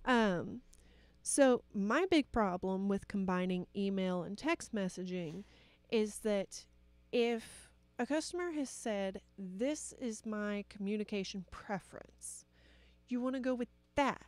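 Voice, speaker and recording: A woman's voice: mid-range voice, slow, darkish tone, no echo. A woman co-hosting a casual talk show, laughing often and speaking frankly. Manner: laughs often, talks frankly with mild swearing. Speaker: podcast co-host. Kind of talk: casual chat.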